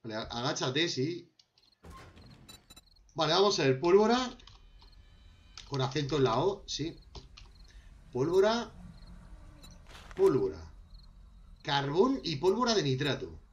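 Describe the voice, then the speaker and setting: Lively Spanish man narrating gameplay. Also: a little high, takes it slowly, pauses often, highs cut off, slight background noise. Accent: Spain. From Spain. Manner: talks to himself while crafting, addressing viewers as friends. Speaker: gameplay commentator. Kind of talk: casual gameplay commentary.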